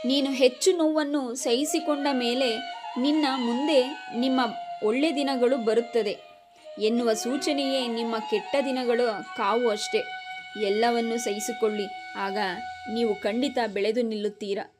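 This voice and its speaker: A woman's voice: a little high, fairly even intonation, unhurried. A woman giving a scripted motivational narration, speaking in a solemn, admonishing way straight to the listener. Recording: voice over clear background music.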